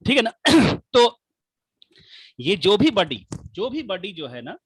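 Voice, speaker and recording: A man teaching a physics class online, explaining slowly with many repetitions and rhetorical questions, speaking with the mic held right at his mouth. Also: high-pitched, big pitch swings, a bit bright, breathy edge. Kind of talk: live online class lecture.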